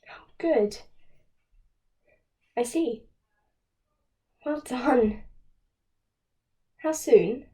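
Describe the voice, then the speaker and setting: A woman playing an anxious, fragile woman who pleads haltingly down a telephone. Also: sits high, darkish tone. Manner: halting, pleading phone talk. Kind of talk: stage monologue, one side of a phone call.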